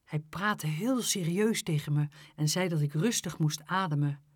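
A woman reading a children's story aloud in an unhurried, expressive way. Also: breathy edge, no echo, studio quality. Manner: unhurried expressive reading, lively pitch on exclamations.

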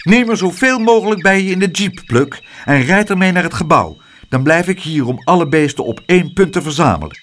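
A gruff storybook weatherman who growls and snaps at a naughty child, as a male reader puts him on. His voice swings widely and turns loud and sharp when he scolds, with a faint hum of noise behind him. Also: fairly high pitch, sing-song, a little fast, pitched above the performer's own voice. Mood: commanding. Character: gruff grown man, the stern weatherman.

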